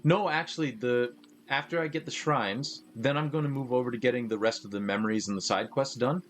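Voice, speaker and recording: A man's voice: mid-range voice, brisk, fairly bright tone. A man chatting casually while he streams a game live, rambling and losing his train of thought. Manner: rambling, with many fillers and restarts. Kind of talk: casual live gaming chat.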